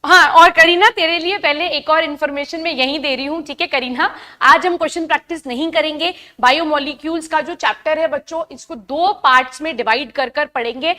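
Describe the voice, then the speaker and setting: A young woman teaches biology in a live online class, chatty and quizzing her students. Her voice sits high with a sharp tone, and she reads English textbook lines slowly before explaining them in Hindi.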